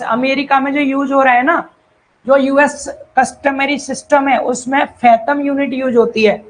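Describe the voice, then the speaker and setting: A man's voice: very high voice, fairly bright tone, slight background noise, low-quality recording. A man teaching an online exam-prep lecture, often repeating key terms and calling his students brother or child. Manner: reads English definitions slowly, then explains in Hindi. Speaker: civil engineering teacher.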